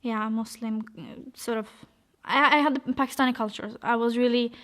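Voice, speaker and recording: Young woman from Norway, personal testimony, hesitant and halting, fairly high voice with an even, flat contour. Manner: hesitant, many fillers and restarts. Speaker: vlog speaker telling her story.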